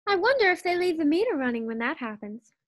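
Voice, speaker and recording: A woman plays a wisecracking radio sitcom housewife with a very high voice and lively swings in pitch. She coaxes and teases with brisk affection. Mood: wry, reassuring. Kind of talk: 1940s radio sitcom acting.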